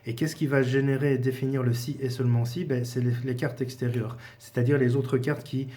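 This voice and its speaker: Brisk and warm, with a medium pitch that barely moves, a man teaches tarot in a casual spoken lesson. He talks to the viewer informally and conversationally, pausing and filling often.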